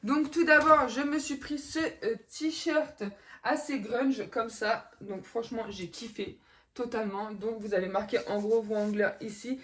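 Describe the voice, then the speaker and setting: A woman's voice: fairly high pitch, measured pace, a bit bright. A woman chatting casually in a haul vlog, self-mocking, with many fillers. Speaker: fashion haul vlogger.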